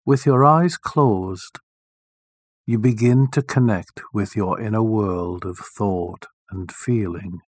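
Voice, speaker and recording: A man leading a guided meditation, speaking softly and soothingly with long, deliberate pauses. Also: on the low side, no room sound.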